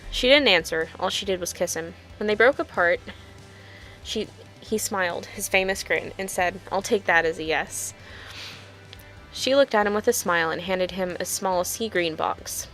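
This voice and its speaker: A YouTuber reads her own fanfiction in a medium-pitched, slightly bright voice at normal speed, chatting and telling stories in an informal, self-deprecating way. Soft music plays behind her, and the recording quality is low.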